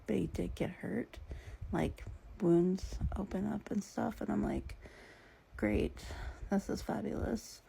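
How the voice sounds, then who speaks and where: Gravelly, husky woman telling a caregiving story. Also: medium pitch, dark tone, rough recording. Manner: often drops to a whisper, laughs through the telling. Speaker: family caregiver for her father. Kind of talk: casual vlog storytelling.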